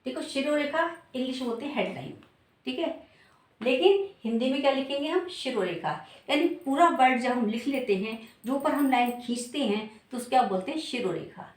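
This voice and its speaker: A woman teaching a spelling lesson to exam students. She talks slowly, repeats her examples and asks questions that she answers herself. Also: high-pitched, expressive. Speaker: Sanskrit and Hindi teacher. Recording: echoey room, voice from a distance.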